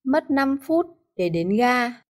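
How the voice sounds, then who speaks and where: A woman reading translations of short phrases in an even, plain manner. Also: a little high, slow. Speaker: Vietnamese translation reader.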